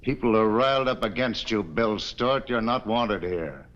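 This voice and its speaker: A man's voice: on the low side, expressive, moderate pace, fairly bright tone. A blunt, accusing townsman, stern and unfriendly. His voice sits on a muffled vintage TV soundtrack. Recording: dull 1950s TV soundtrack.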